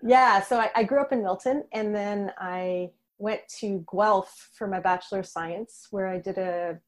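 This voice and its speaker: A woman's voice: mid-range voice, measured pace. A woman in her thirties from Canada, an associate professor talking steadily and thoughtfully as a podcast guest. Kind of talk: conversational interview.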